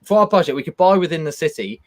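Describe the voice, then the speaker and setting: A man's voice: fairly high pitch, animated, fast talker. A British man chatting casually as a guest, rambling and repeating words as he goes. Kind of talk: casual chat.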